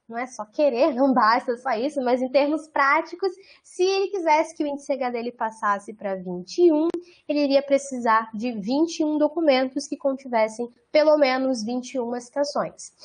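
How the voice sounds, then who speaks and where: A woman's voice: sits high, darkish tone. A Brazilian woman giving an online training session, explaining things step by step and often checking in with her listeners. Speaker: product trainer.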